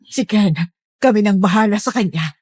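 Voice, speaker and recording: A woman's voice: mid-range voice, moderate pace, a little mellow, husky, dry recording, studio quality, natural voice. A woman voicing a secretive, protective mother who scolds and pleads urgently in a horror story. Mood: stern, secretive. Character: stern, secretive, desperate mother guarding her child.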